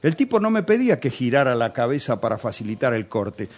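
A man's voice: medium pitch, very animated, brisk. A man with a Rioplatense Spanish accent telling nostalgic, chatty stories on a radio show. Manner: nostalgic, chatty storytelling with local slang.

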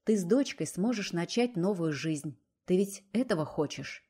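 A woman's voice: lively intonation, normal speed, mellow, breathy edge. A woman reading a cold, domineering man. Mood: coaxing, cold. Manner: low, coaxing and curt. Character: forceful domineering adult man, cold and insistent.

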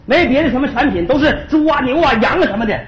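A man's voice: very high-pitched, expressive. A man playing a cocky, teasing rich farmer businessman in a stage comedy sketch. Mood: bragging. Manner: teasing, quick banter. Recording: echoey stage, slightly dull sound.

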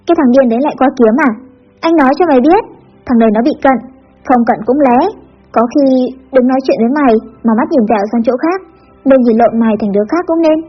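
A woman reading a story aloud, voicing a gruff, bossy older boy who teases and scolds. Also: high-pitched, fast talker. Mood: teasing. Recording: dull lo-fi with faint music.

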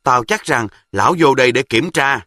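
Man voicing a clever bossy boy, southern vietnamese accent, quick and sure, bright crisp tone. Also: mid-range voice, no room sound, clean studio sound. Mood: scheming. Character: sharp, know-it-all southern boy, ringleader.

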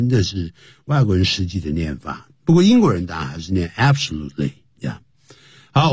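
Man, English teacher, radio lesson, husky voice, lively swooping pitch, dry close sound. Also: dry recording. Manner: explains phrases, spells words aloud letter by letter.

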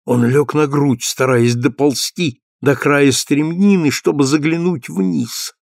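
A man narrating an audiobook of a classic novel in a steady, measured reading voice. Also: on the high side, gravelly, dry recording, clean studio sound.

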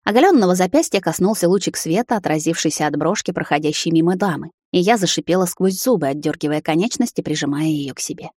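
A woman narrates a novel in the first person, in a soft, even, slightly low voice. It is close and dry, with no room sound. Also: fast, hardly any pauses, no room sound. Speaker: audiobook reader.

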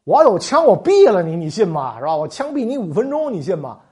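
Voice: medium pitch, sing-song, fast talker, dark tone, lightly acted. A storyteller voicing a flustered, baffled rookie male government clerk in a comic history tale. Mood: exasperated. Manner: baffled, exasperated, crude.

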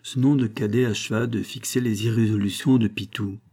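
A man reading an audiobook aloud in a measured, expressive narrating style. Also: on the low side.

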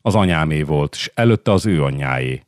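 A man's voice: extremely low pitch, lively intonation, dry recording, studio quality. A man voicing a lonely young woman of a sultan's harem, with a wistful, pleading way of talking.

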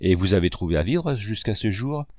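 A man voicing a kind, gentle noble lady in an audiobook, asking soft, caring questions. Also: lowish voice, lively intonation, a little fast, no room sound, clean studio sound, lightly acted. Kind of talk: audiobook character reading.

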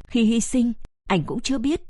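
A woman's voice: on the high side, animated, normal speed, warm tone, no room sound. A woman voicing a young woman soldier who speaks humbly through tears. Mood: tearful. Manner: tearful, humble.

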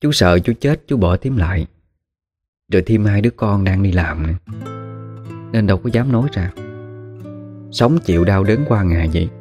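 Man, horror storyteller, casual conversational retelling, mellow dark tone, faint guitar behind. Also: low-pitched, normal speed, pauses often, husky, dry recording. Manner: relaxed, conversational retelling with spoken fillers. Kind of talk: spoken horror story narration. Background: faint guitar music.

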